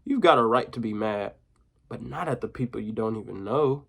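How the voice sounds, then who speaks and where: A man's voice: lowish voice, brisk, vocal fry, slightly rough. A man reading aloud, voicing a bold, blunt young girl who teases and presses for answers. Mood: sassy. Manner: blunt and teasing. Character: sharp, bossy, confident young girl.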